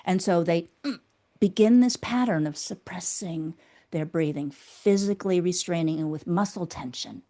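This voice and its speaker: Her voice mellow and on the low side, she lays out her theory at a moderate pace as an interview guest who specializes in the inner critic. She teaches it step by step, regularly checking in with "okay?".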